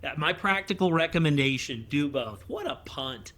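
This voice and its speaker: A man's voice: fairly high pitch, animated, moderate pace, a bit bright. Wry man hosting a tax podcast. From United States. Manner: dry, wry and explanatory. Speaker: podcast host, tax advisor. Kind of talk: casual podcast talk.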